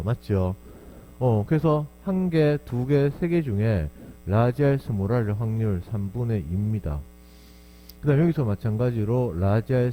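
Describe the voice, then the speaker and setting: A man's voice: medium pitch, warm tone, rough recording. A man teaching a biology lesson, walking through exam problems step by step and often checking with his students. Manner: explains step by step with frequent check-ins to students. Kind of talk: exam problem walkthrough lecture. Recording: faint mains hum behind the voice.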